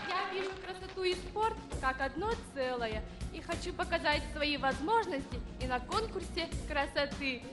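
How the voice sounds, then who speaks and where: A woman's voice: high voice, expressive, moderate pace, few pauses, a loud crowd. A woman in her early twenties giving a formal, rehearsed self-introduction as a pageant contestant. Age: 20s. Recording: reverberant hall, faint music.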